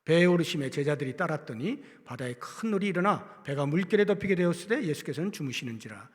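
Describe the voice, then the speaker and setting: A man preaching a sermon as pastor, swinging from loud emphasis to hushed, almost whispered lines. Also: fairly high pitch, animated, fast talker. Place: church sanctuary. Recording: long reverb of a church hall.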